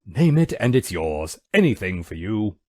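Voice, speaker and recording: A long-suffering butler in a point-and-click game, formal and dryly polite. His voice sits very low, but its pitch rolls up and down expressively. The sound is close and dry. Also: big pitch swings, unhurried, warm tone, no echo. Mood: reluctant flattery.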